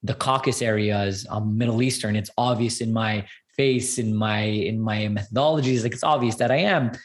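A man's voice: lowish voice, moderate pace. A man from Canada telling his life story as a guest in a casual interview, earnest and upbeat, repeating words for emphasis. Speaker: guest entrepreneur and speaker.

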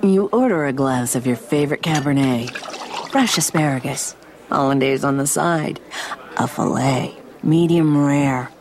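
A woman narrating a commercial in a sultry, savoring, drawn-out manner. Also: rumbling low. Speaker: advertisement voice-over. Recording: studio voice over clear background music. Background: music.

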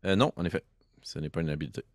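A man's voice: extremely low pitch, rapid-fire, no room sound, clean studio sound. A young man narrating a tabletop game as game master, with vivid storytelling and sound effects.

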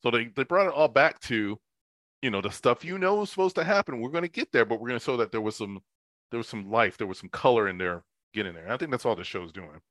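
A man co-hosting a casual chat, animated and quick to laugh. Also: medium pitch, dry recording.

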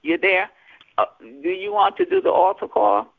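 A woman's voice: mid-range voice, wildly swooping pitch, moderate pace, vocal fry, a little hiss or hum. A woman minister leading a fervent spoken prayer with urgent, repeated phrases, heard over a landline phone. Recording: narrow tinny phone line.

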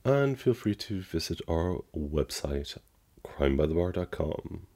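A man's voice: low voice, sing-song, unhurried, darkish tone. A man co-hosting a podcast in casual chat, playful and joking, recorded at home. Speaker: podcast co-host. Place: home in the Netherlands.

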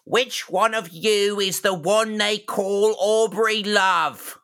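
A man doing a pompous high orc herald. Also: steady tone, takes it slowly, vocal fry, a bit bright, full character voice. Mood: imperious. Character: gruff male orc leader, messenger of a fae queen.

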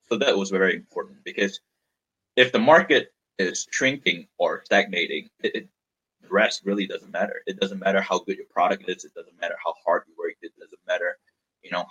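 A Malaysian man in his thirties, a startup founder in an interview, tells his story candidly, rambling a bit and repeating words as he thinks. His voice is low and fairly bright with a breathy edge, and the recording is lo-fi.

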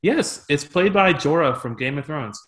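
A man's voice: a little high, lively intonation, normal speed, fairly bright tone. Casual man hosting a podcast chat. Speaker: podcast host.

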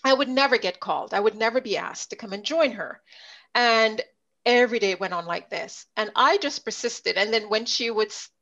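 A middle-aged woman from Jamaica, a leadership coach, telling her story in an interview with lively storytelling. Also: a little high, moderate pace. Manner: animated storyteller, voices others in quotes. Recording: dull lo-fi audio.

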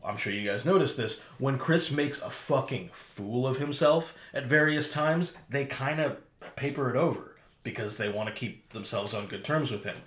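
A man co-hosting a podcast, making measured, thoughtful observations in casual chat. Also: mid-range voice, animated, a bit bright. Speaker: podcast co-host. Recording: roomy echo.

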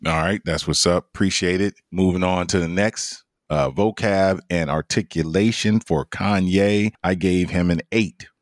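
Male podcast host, deep voice, dry sound, easygoing moderator. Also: measured pace, few pauses, dry recording. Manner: laughs easily, steady moderating. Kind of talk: casual podcast discussion.

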